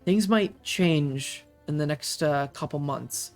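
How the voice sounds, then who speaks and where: A game master voicing a calm, loving father in a tabletop game, speaking slowly and soothingly. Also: mid-range voice, faint music behind. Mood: tender. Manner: slow, soothing.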